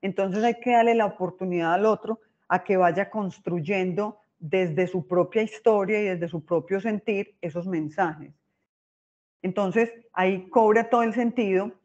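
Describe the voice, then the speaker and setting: Expressive woman lecturing. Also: medium pitch, a little slow, highs cut off. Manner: expressive, often checks in with listeners by asking "right?". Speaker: speaker giving a talk on emotional intelligence. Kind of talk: informal lecture.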